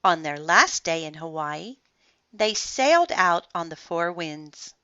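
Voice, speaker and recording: A woman reading a bedtime story aloud slowly and expressively. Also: lowish voice, animated, sharp tone, no room sound. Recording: slightly muffled dry recording.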